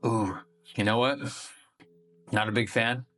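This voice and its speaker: A man's voice: lowish voice, fairly even intonation, unhurried, sharp tone, a little hiss or hum. A man hosting a casual beer-tasting review video, talking in a laid-back, profane, slangy way.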